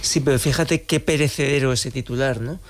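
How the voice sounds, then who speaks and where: A man commenting on politics in a measured, analytical way on a radio talk show. His voice sounds dry and close, with no room echo. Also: mid-range voice, steady tone.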